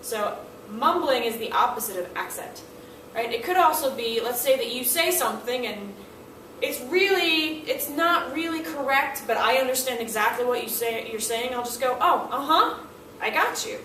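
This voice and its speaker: Animated woman teaching from across a classroom. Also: fairly high pitch, normal speed, a little hiss or hum. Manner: animated, acts out student and teacher lines in quotes. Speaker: language teacher. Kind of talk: classroom instruction. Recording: echoey room, mic at a distance.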